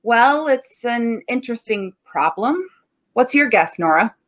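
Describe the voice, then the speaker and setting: Actress as sardonic police sergeant for radio play, interrogating, fairly high voice, very expressive. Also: female voice, measured pace. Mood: probing. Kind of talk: 1940s radio drama acting.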